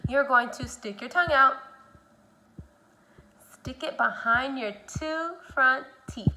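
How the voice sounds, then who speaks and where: A woman teaching a speech sound lesson, modeling speech slowly with exaggeration and guiding the learner step by step with simple prompts. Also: sits high, noisy background.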